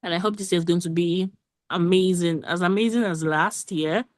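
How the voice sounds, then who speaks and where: Meeting lead, woman, lower voice, quick run-on delivery, dry video-call audio. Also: steady tone, dry recording. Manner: quick, run-on talk with restarts. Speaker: working group meeting lead. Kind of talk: casual meeting update.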